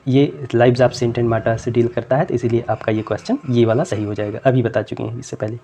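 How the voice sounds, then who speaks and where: A man teaching English literature terms for an exam, asking questions and repeating each answer back, reading English question lines out slowly. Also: medium pitch, dark tone. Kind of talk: exam-prep lecture.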